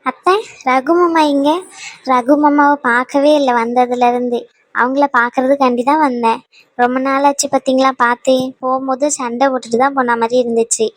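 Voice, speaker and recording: A woman plays an eager young cousin in a cartoon, chatting keenly with her relatives. Her voice is high, and the recording is dry and close. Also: steady tone, a little fast, no room sound. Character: young woman, cousin still keen on her uncle's son.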